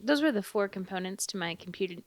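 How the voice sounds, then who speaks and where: A woman's voice: medium pitch, expressive, fast, no echo. A woman co-hosting a casual faith-based podcast, speaking in a playful, reflective way. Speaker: podcast co-host.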